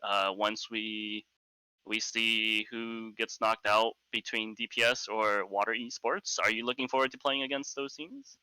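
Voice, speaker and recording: A man's voice: lowish voice, fairly even intonation, a little slow, bright, forceful tone, clear, resonant tone, no room sound, low-quality recording. A man casting esports, casually interviewing a player over voice chat, crude and joking, laughing often. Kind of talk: casual post-match interview.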